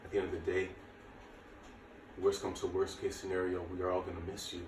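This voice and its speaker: A man in his late thirties, a martial arts and fitness instructor, gives casual workout guidance to camera in a low-pitched, darkish monotone at a fairly quick pace. The room echoes, the mic is far away, and faint noise is audible.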